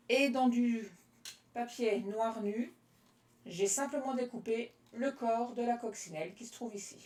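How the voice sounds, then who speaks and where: A woman from France demonstrating card-making on a live stream, chatting with viewers by name between steps in a relaxed way. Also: on the high side. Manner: chatty and relaxed, answers live comments by name, laughs often. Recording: roomy echo, voice from a distance.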